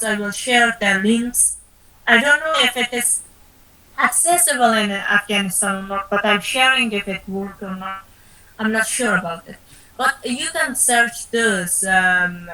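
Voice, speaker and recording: A woman's voice: a little high, sharp tone, rough recording. A woman mentor advising students in an online session, encouraging and repetitive, with many fillers and restarts.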